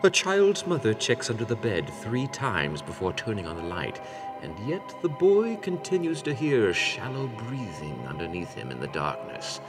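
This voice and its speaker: A man's voice: lowish voice, wildly swooping pitch, normal speed, music in the background. A man playing an ominous, portentous announcer, narrating a horror radio anthology show in a dramatic way.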